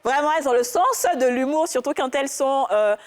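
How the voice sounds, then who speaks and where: A woman's voice: high voice, animated, brisk. A woman hosting a TV talk show in a playful, laughing way.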